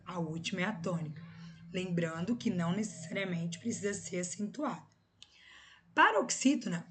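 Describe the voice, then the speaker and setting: A woman with a Brazilian Portuguese accent teaches a recorded grammar lesson. She explains patiently, step by step, and checks in with her students through short tag questions. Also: medium pitch.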